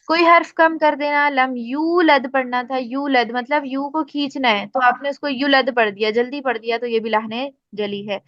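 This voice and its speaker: A woman with a Pakistani Urdu accent, teaching Quran tajweed in a casual spoken lesson, explaining patiently and reciting examples slowly. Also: high-pitched, steady tone, a bit bright, no echo. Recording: dry, slightly muffled recording.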